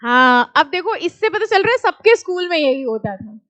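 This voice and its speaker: A young woman lecturing a class on law, often quizzing and teasing her students and reading text slowly. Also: extremely high pitch, big pitch swings, a bit bright. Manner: questions and teases students, reads slowly. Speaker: teacher.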